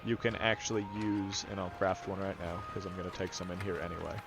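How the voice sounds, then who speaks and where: A man provides casual let's-play commentary, explaining game mechanics and thinking aloud over game music. His voice sits low, with fairly even intonation, and he talks fast.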